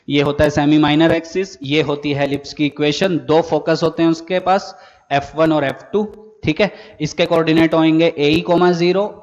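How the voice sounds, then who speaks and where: A physics teacher, his voice a little high for a man, lecturing in a room with a long trailing echo. The sound is somewhat dull and lo-fi. He works through each point step by step and answers his own questions. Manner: explains step by step, asks and answers his own questions, says "theek hai" often. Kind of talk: classroom lecture.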